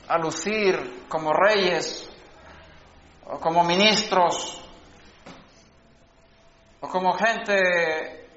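A man preaching with a high, bright-pitched voice, teaching patiently and often restarting his sentences before pressing into fervent calls. His sermon sounds roomy and reverberant, and the lo-fi recording dulls it. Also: a little hiss or hum. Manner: teaching and explaining words, with frequent restarts, building to fervent exhortation.

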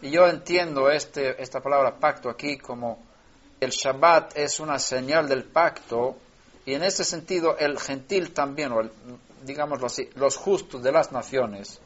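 A man teaching scripture verse by verse, restarting words mid-phrase and rising in pitch and loudness when he stresses a verse. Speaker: Bible teacher. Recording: lo-fi dull recording.

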